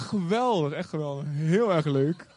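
A man who is a pastor, telling a story in a calm, earnest way and acting out the voices of the people he quotes. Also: on the high side, a little slow. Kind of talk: sermon-style storytelling.

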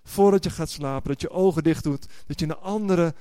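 A man's voice: fairly high pitch, brisk, warm tone, clear, resonant tone, no room sound. A man preaching a sermon, explaining word meanings and building to fervent, emphatic exclamations with repeated words.

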